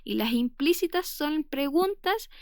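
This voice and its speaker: A woman's voice: high-pitched, lively intonation, a little slow, dry recording, clean studio sound. A woman teacher with a Chilean Spanish accent giving a recorded spelling lesson, explaining step by step with frequent "eh" fillers and stressed example words.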